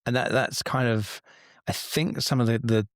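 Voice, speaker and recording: A man's voice: mid-range voice, fairly even intonation, moderate pace, dry recording, clean studio sound. A man in his forties from England, telling a long personal story in a candid, rambling way as a podcast guest. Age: 40s. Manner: rambling, candid, swears casually. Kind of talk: casual storytelling.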